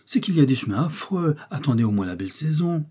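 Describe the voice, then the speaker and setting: A man putting on a flustered older lady of the manor, fretful and insistent, with a husky, mellow tone as she frets over her guest in a storybook reading. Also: mid-range voice, animated, moderate pace, voice pushed up. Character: flustered rich older woman, fussy châtelaine.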